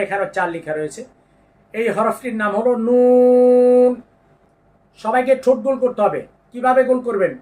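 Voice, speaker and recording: A man teaching Quran pronunciation, patiently explaining each letter and drawing out the sounds slowly. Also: high-pitched, darkish tone, far from the mic. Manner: slow drawn-out demonstrations of letter sounds, patient instructions. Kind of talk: step-by-step pronunciation lesson.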